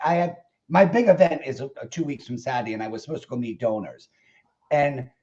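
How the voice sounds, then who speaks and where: Campy drag queen, creaky male voice. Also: on the high side, darkish tone. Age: middle-aged. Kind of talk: casual chat. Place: room at home, indoors. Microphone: video call. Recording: dull lo-fi video call.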